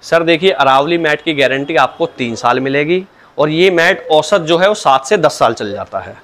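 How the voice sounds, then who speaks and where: High-voiced dealer man. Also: animated, moderate pace, a bit bright. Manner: patient, salesman-like, repeatedly opens with "sir, look". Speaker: cow mat dealer. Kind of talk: product explanation in an interview.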